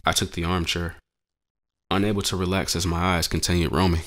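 A man telling a dramatic story in the first person, narrating with a measured, brooding delivery. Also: sits low, flat delivery, fairly bright tone.

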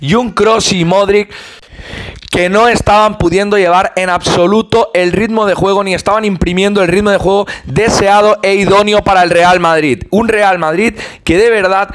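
A man with a fairly high voice delivers a match recap as a voice-over. He talks fluently and gives opinionated football analysis, pausing now and then on an "eh". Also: steady tone, fairly bright tone. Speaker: fan channel host.

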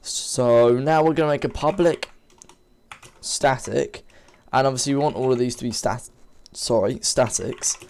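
Speaking a little slowly in a steady, darkish mid-range voice, a man who teaches game development works through a coding tutorial at his computer. He has a cold and sounds slightly sniffly, and his delivery is informal and rambling, full of self-corrections as he types into a desk microphone setup.

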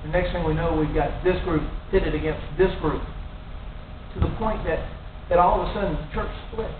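In a small church room with a cross behind him, a middle-aged man who serves as a lay preacher gives a heartfelt sermon that climbs to forceful warnings. His pitch sits fairly high, his tone is steady and his pace moderate, speaking close to a stand mic. The recording is thin and distant, echoing with a faint hiss.

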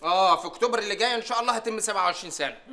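A man's voice: high-pitched, very fast, bright, forceful tone. An actor playing a naive, stubborn, childish young man in a comedy series, speaking with an Egyptian accent and protesting with comic indignation. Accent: Egyptian Arabic. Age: young adult.

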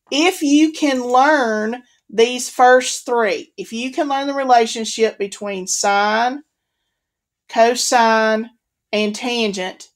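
Patient higher-voiced woman teaching math. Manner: patient, repeats key points, uses "okay" and "um". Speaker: math instructor. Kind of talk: recorded video lecture.

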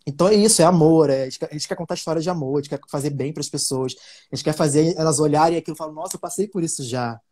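A man's voice: a little high, very fast, dark tone. A man from Brazil, an interview guest, telling stories animatedly with many fillers and restarts. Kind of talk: casual interview talk.

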